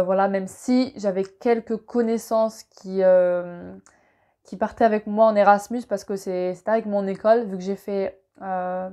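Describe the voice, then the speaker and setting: A young woman from France telling a relaxed personal story to camera, chatty and full of fillers and asides. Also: medium pitch. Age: young adult. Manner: chatty, many fillers and asides, laughs easily. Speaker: vlogger.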